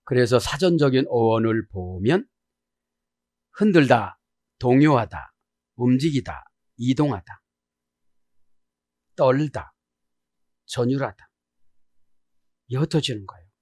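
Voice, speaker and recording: Korean pastor preaching with dramatic swings. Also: male voice, mid-range voice, animated, takes it slowly, pauses often. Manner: emphatic preaching with frequent "네?" check-ins to the congregation; swings between quiet murmuring and loud exclamations. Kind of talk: sermon.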